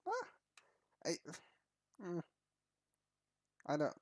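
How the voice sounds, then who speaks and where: A man's voice: on the high side, huge pitch swings, drawn-out words. A man hosting a reaction video, speaking casually, swearing often and chuckling at his own remarks.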